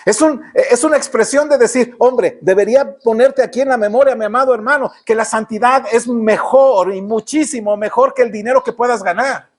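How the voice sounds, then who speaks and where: A man's voice: very high-pitched, fairly quick, hardly any pauses. A man with a Mexican Spanish accent preaching a sermon in church, often asking the congregation rhetorical questions. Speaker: pastor.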